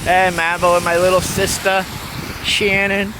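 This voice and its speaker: High-voiced man rambling while walking. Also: flat delivery, unhurried, noisy background. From Massachusetts. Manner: rambling, repetitive, affectionate storytelling. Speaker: vlogger. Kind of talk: rambling personal vlog. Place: outdoors on a city street.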